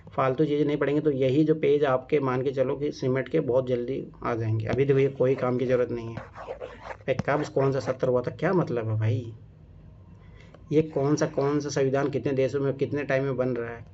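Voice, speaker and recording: A man's voice: mid-range voice, mellow. A man teaching a casual exam-prep class, talking emphatically and checking often whether his students follow. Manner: emphatic, repeats "theek hai?" and "samajh mein aaya?". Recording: dull lo-fi classroom recording.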